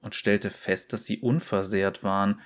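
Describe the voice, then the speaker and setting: A man narrating a short story in a slow, deliberate, measured reading. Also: on the low side, fairly even intonation.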